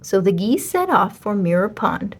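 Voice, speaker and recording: A woman reads a children's story aloud, taking on the role of an expressive storyteller. Her husky voice sits in the mid range and keeps a normal speed.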